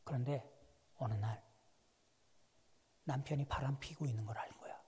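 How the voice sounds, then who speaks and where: A man preaching a sermon as a guest pastor, telling a story with animated swings between hushed and loud delivery. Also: mid-range voice, normal speed, husky. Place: church sanctuary. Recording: long church reverb.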